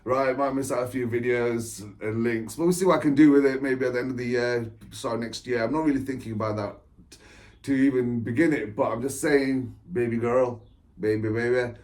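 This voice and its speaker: A man's voice: medium pitch, steady tone, fairly quick, darkish tone. A man, an author talking through his life story in a rambling, chatty way, laughing often and repeating himself. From England. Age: 40s. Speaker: author and spiritual coach. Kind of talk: rambling personal monologue.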